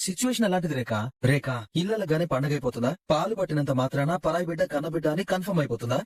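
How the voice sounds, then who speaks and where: A man's voice: on the high side, lively intonation, racing, a little mellow, slightly rough, dry recording. A man playing a scheming elder brother who lectures his sister dismissively. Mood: lecturing. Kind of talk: Telugu TV serial acting.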